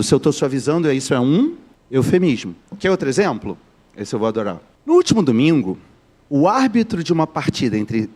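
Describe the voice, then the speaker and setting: A man's voice: medium pitch, darkish tone. A man from Rio de Janeiro with a Carioca accent, teaching a live online class, joking and quizzing his students as he goes. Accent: Carioca Brazilian Portuguese. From Rio de Janeiro, Brazil.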